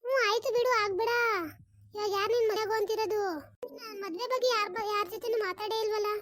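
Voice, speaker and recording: A woman voicing a caring but scolding elder sister-in-law in a village cartoon, firing rapid nagging questions. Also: extremely high pitch, fairly even intonation, a bit bright, a little hiss or hum. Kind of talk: cartoon voice acting.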